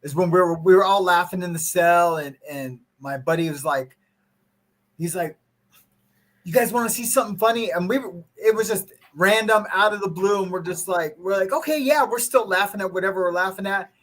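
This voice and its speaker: A man chatting casually as a guest, quick to agree and telling a story. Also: sits high, steady tone, a bit bright. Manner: chatty, lots of agreeing yeahs. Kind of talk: casual chat.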